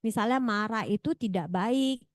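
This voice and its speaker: Reading questions aloud at an academic seminar Q&A, this woman moderates in a friendly manner, laughing frequently and rewording things on the fly. She speaks at a normal pace in a somewhat high voice, in a dry, clean studio recording.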